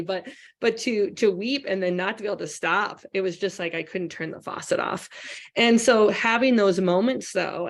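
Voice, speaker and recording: A woman teacher speaking earnestly and reflectively at a conference, with frequent restarts. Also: on the low side. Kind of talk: conference talk. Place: conference hall.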